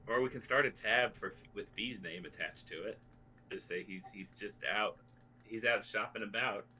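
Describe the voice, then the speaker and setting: A man's voice: on the low side, moderate pace, poor audio. A man as a player in a tabletop game, joking and scheming with the group. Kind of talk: casual tabletop play.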